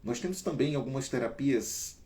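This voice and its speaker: A man's voice: mid-range voice, normal speed. A man from Brazil hosting a casual talk, coaching listeners through breathing exercises and calling on them by name. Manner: animated, emphatic, varies pace and loudness. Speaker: host.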